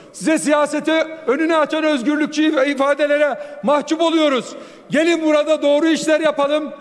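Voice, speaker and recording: Male lawmaker at a rostrum microphone, high and forceful, echoing chamber. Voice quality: forceful, raised, declamatory delivery. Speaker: member of parliament giving a speech. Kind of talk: parliamentary floor speech. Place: large parliament chamber. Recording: long reverb of a large chamber.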